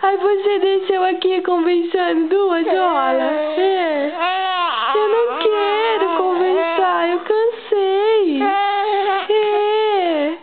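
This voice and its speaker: A woman's voice: very high-pitched, drawn-out words, very noisy, voice pushed up, heavily acted. A woman voicing her sleepy, grumpy baby boy, complaining in a whiny, tearful sing-song. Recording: tinny phone-like audio with loud music.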